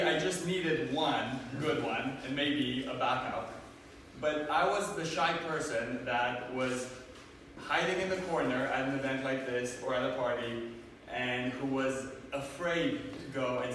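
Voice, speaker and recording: A man's voice: mid-range voice, a bit bright, far from the mic, a little hiss or hum. Man speaking in an echoey hall. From Romania. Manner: engaging, asks the audience questions. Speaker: motivational speaker. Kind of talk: live seminar talk. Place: large hall with audience.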